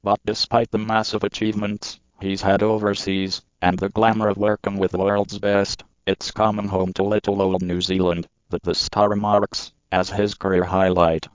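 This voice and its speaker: A man's voice: lowish voice, level tone, moderate pace, few pauses, clear, resonant tone, dry recording. Male reporter, scripted news voice-over, dry close sound, a little dull.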